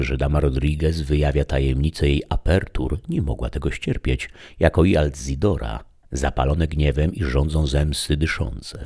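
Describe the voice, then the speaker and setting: A man narrating a classic novel as an audiobook, in measured, expressive storytelling. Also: rumbling low, slightly rough.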